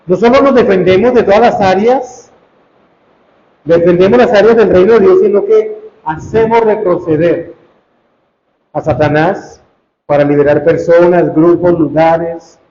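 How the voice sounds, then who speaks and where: A priest teaching a sermon, slow and emphatic, repeating key phrases for weight. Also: male voice, high voice, dark tone, slight background noise. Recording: dull, echoey room recording.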